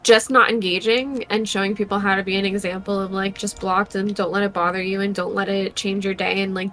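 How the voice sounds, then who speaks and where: A young woman with a medium-pitched, fairly bright voice co-hosts a board game stream, chatting casually as she plays. She uses lots of fillers and laughs often.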